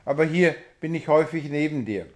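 A man voicing a menacing, mocking male devil who croaks his taunts loudly in a read-aloud story. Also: a little high, fairly quick, natural voice. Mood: wheedling. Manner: loud, mocking and hoarsely croaking.

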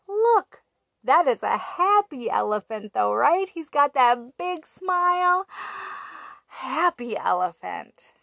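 Reading a picture book aloud to toddlers, a woman in her thirties speaks slowly in a sing-song voice that sits high, pausing to ask her young listeners questions. The recording is dry and studio-clean, captured on a webcam held at arm's length in a small room.

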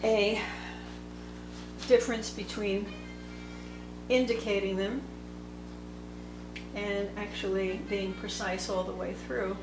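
A woman teaching watercolor, thinking aloud slowly as she paints at a table. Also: medium pitch, level tone. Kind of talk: unscripted painting tutorial narration. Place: indoor table workspace. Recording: echoey room with background music. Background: soft instrumental music.

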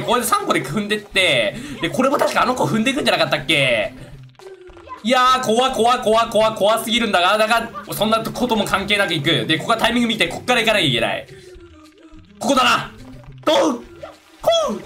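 A man giving casual let's-play commentary, excitable and talking to himself while he plays. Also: high-pitched. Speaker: gaming YouTuber.

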